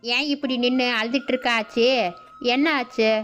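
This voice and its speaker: A woman putting on a young village man from a cartoon story, worried and lecturing, his voice kept fairly high. The sound is dull and lo-fi, with faint music behind. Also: fairly even intonation, normal speed, fairly bright tone, close to an everyday voice. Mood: concerned, scolding. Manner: scolding, lecturing. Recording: dull lo-fi audio with background music.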